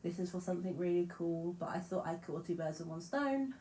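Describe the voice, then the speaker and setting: A woman's voice: lowish voice, lively intonation, a little fast, mellow, roomy sound, poor audio. Chatty woman with a slight lisp. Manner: frank, chatty, swears freely, self-deprecating. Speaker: musician vlogger. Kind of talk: casual chat to camera.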